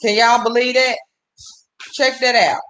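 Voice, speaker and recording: An upset man on a livestream rants angrily, swearing a lot and breaking off to greet viewers by name. His very high voice is bright and forceful yet flat in delivery, a little slow. The talk is heated and profane.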